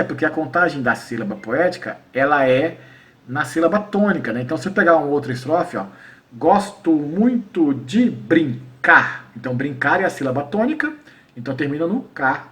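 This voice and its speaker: A man's voice: on the high side, fairly bright tone, recorded from a distance. A man from Paraíba, Brazil, with a Northeastern Brazilian accent, explaining poetry to teachers in an informal lesson and often asking the listener to confirm he is following. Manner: explanatory, checks in often with "né?" and "tá?", recites verses slowly. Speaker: cordel poet teaching educators.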